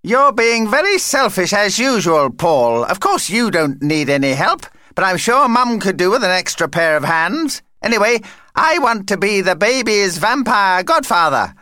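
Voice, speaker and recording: A man acts out an excitable, self-important vampire from a children's story. The voice sits well above a normal male register and leaps about with bossy, theatrical indignation, recorded close and dry. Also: sits high, normal speed, no room sound, voice pushed up, exaggerated voice. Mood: indignant, bossy.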